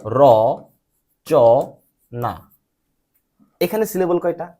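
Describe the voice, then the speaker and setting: A man teaching English pronunciation in a patient lesson, quizzing his student and spelling letters out slowly. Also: on the high side, big pitch swings, a little mellow. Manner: asks frequent check questions and spells letters out slowly.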